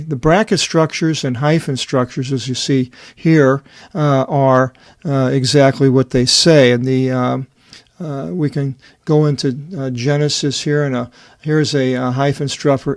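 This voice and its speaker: Man, mid-pitched, hesitant and unpolished, explaining his own book layout; dry room. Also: a little mellow, dry recording. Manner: halting, many fillers and restarts. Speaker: Bible translator presenting his edition. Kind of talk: unscripted screen walkthrough.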